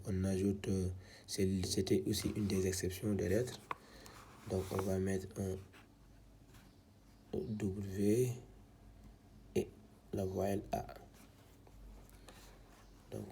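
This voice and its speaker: There's a slight hiss or hum under this man's low, warm voice. As a Quran reading teacher, he gives a patient, gradual lesson in reading script, sounding out syllables one by one with many a "donc".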